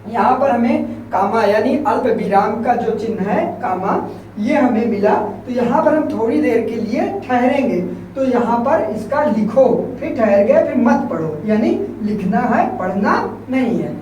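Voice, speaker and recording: Male teacher, classroom lecture, rhetorical questions, slow repetition, off-mic, heavy room echo. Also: extremely high pitch, lively intonation, a little mellow. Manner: asks rhetorical questions then answers them, repeats key terms slowly. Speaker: Hindi grammar teacher. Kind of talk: classroom lecture explaining at a board. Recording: very echoey room, mic far off, faint background hiss.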